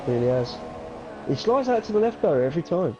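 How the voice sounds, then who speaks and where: A man doing live commentary on an online racing league, excitable, his voice jumping up whenever something happens on track. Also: on the high side, fairly quick, over music. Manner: excitable, voice jumps up at incidents. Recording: dull lo-fi sound with game noise behind. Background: racing game engine noise.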